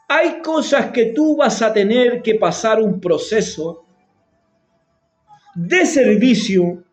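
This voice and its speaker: A man with a Chilean Spanish accent preaching a sermon, fervent and repetitive, his voice rising and falling. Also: darkish tone. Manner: fervent, rises and falls in pitch, repeats phrases.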